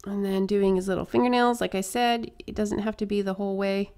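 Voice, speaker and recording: A young woman chatting her way through a face painting tutorial, upbeat and a little hoarse. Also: medium pitch, fairly even intonation, a little fast, dark tone. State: slightly hoarse.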